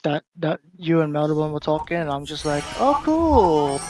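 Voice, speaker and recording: A man's voice: fairly high pitch, sing-song, normal speed, a little mellow, soft background music, poor audio. A man talking at home through a headset microphone over a phone-hotspot voice chat, in a laid-back, loose, plain-spoken way. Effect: headset mic over a phone hotspot in voice chat. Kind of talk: casual voice-chat talk.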